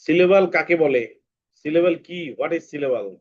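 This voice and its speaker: A man leads an English lesson, slow and patient, repeating each point and putting questions to his students. His voice sits a little high, and the audio is muffled and lo-fi, like an online class. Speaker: English teacher.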